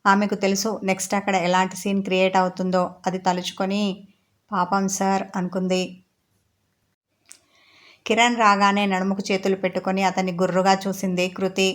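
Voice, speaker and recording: A woman narrating a romantic audiobook story in an even, steady reading voice. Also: mid-range voice, normal speed.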